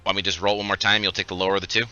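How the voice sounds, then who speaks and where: Male tabletop player, playfully dramatic. Low, very forceful voice, slightly muffled recording. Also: level tone, rapid-fire, faint music behind. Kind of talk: improvised game narration and casual table talk.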